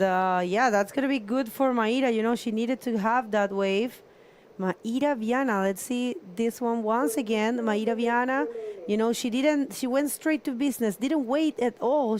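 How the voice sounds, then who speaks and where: A woman's voice: on the high side, a little mellow. A woman giving live surf contest commentary with casual asides, talking through the action in short, repeated phrases. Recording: noisy live outdoor event broadcast.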